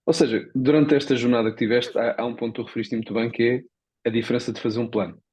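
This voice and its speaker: Fast-talking man with a husky voice. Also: medium pitch, steady tone, darkish tone. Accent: European Portuguese. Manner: informal, conversational. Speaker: podcast host. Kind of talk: casual podcast interviewing.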